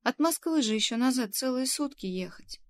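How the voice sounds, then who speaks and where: A woman's voice: sits high, lively intonation, moderate pace, voice pushed up. A woman voicing a sulky young female kindergarten worker in her twenties, grumbling and reluctant. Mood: glum. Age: 20s.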